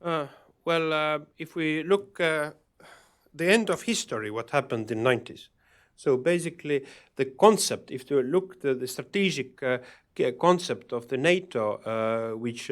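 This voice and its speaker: A man speaking at a panel event, answering audience questions in a halting way, with many fillers and restarts. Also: medium pitch. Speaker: panel speaker on security policy.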